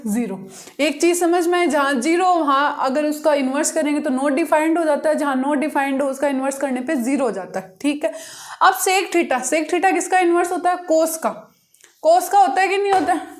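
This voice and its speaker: A woman with a high, light voice teaches a maths lesson. She works through each step patiently and repeats key points. She keeps asking the class questions and then answers them herself. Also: moderate pace. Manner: patient, repetitive step-by-step explaining. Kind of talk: blackboard-style maths lesson.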